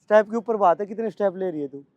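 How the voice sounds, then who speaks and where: A male coach with a Delhi Hindi accent calling brisk commands and scolding his trainees at practice. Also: high voice, no echo, highs cut off.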